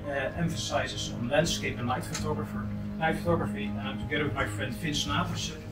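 A Dutch man, a native Dutch speaker and nature photographer, giving a conference presentation in halting English in a small meeting room. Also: a little high, fairly even intonation. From Netherlands. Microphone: far camera. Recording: echoey room from far off, loud music.

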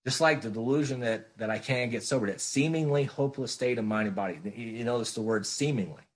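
Husky earnest man sharing. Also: mid-range voice, fast. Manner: earnest, plainspoken, repeats phrases for emphasis. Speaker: recovery meeting speaker. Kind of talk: speaker-meeting share.

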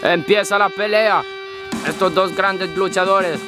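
An excitable male wrestling commentator, put on by a young man, pitched very high and drawn out in his delivery. He calls the match in exclamations and repeated interjections, with loud music behind him. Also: a little slow. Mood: excited, puzzled.

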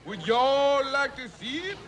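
A man's voice: very high voice, very animated, measured pace, crowd noise, heavily acted. A man playing a boastful, pompous young Texan cowboy hustler who drawls and tags every phrase with y'all in a sketch comedy. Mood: drawling, friendly. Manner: drawls, ends every phrase with y'all, then turns haughty and fussy. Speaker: comic actor.

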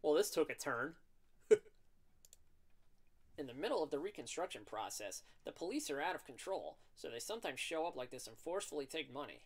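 A man playing a visual novel on his channel, reading the text aloud and joking about the bad writing. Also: on the high side. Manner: animated, rambling, quick to mock the writing. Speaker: gaming YouTuber. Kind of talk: let's play, reading game text aloud with commentary.

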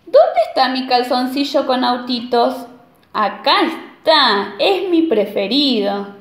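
A woman's voice: high-pitched, lively intonation, slow pace, heavily acted. A woman voicing a vain, fussy male wolf from a children's story, showy and pleased with himself, recorded in an echoey room. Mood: self-satisfied.

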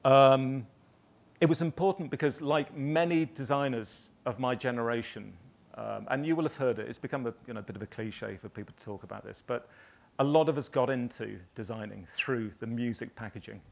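A man in his fifties from northern England, a graphic designer telling rambling stories with many pauses to a live audience. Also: mid-range voice, creaky. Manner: rambling anecdotal storytelling with many ums. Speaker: graphic designer giving a talk.

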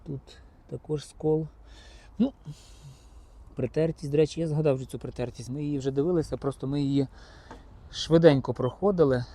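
A man's voice: on the high side, fairly even intonation, moderate pace, pauses often, mellow, a little hiss or hum. A man chatting casually to his viewers as he inspects used cars outdoors at a car market. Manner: chatty, addresses viewers directly as friends.

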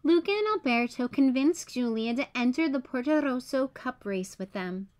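Here a woman tells a picture-book story aloud for kids, her voice high and her pace moderate. She keeps the narration clear, simple and expressive.

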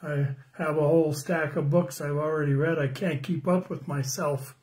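An older man in his sixties giving a children's sermon on a phone livestream, slow and friendly, greeting viewers by name and asking the kids questions. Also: fairly high pitch, fairly even intonation, a little mellow. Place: small room indoors at home. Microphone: phone camera close up.

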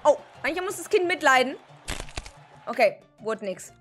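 Young female streamer, high and bouncy, excitable commentary with shrieks, light music underneath. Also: moderate pace. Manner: excitable, shrieks and exclaims at the game.

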